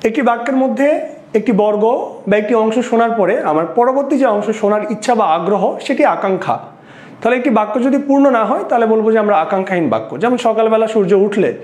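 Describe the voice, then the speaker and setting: High-voiced male teacher in an echoey room. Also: lively intonation, racing, darkish tone. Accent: Bangladeshi Bengali. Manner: explains step by step, asking and answering his own questions. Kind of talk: exam-prep lecture.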